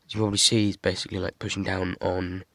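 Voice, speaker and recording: Halting, flat-voiced young guy. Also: sits low, vocal fry, dry recording. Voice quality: monotone, halting with many fillers. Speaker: hobby builder showing a model. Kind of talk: casual show-and-tell.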